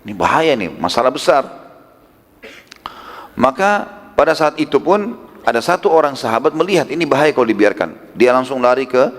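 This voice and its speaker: An Islamic preacher delivers a religious lecture retelling prophetic history, his mid-range, sing-song voice moving at a moderate pace with long pauses. He sounds conversational and emphatic, throwing in rhetorical questions and casual asides. A long hall reverb colors the recording.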